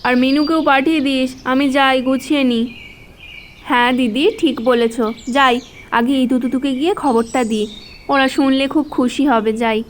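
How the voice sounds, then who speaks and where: Woman narrating a doll story, fairly high voice, chatty, homely, faint outdoor ambience. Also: a little hiss or hum. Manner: chatty, homely, scolding in character.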